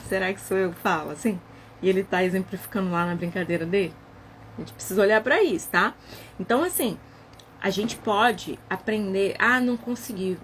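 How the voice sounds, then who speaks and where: A woman talks casually and with energy, voicing the people she quotes in a lively back-and-forth. Her pitch sits in an ordinary middle range. A faint ambient hiss stays under her voice. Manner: animated, acts out quoted dialogue. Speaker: book club participant. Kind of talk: casual chat.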